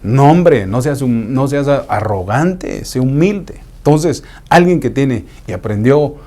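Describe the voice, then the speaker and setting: A man preaching a sermon in a conversational way, dropping into hushed asides to act out what people say. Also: mid-range voice, expressive, slow.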